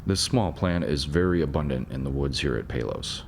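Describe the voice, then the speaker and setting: A man with a strikingly low, deep voice narrates an educational nature video at an even, measured pace. His delivery is scripted and informative, with the occasional dry aside. A faint hiss sits under the voice-over. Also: vocal fry.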